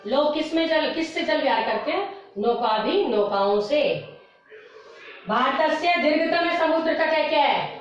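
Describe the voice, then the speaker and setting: A high-pitched woman takes a class slowly through a vocabulary list. She repeats each word and corrects pronunciation with steady patience. Her voice sounds far from the mic, with heavy room echo, a dull lo-fi tone and faint music underneath. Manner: slow, patient, repeats words for pronunciation drill. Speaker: Sanskrit teacher. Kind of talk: classroom lesson explaining word meanings.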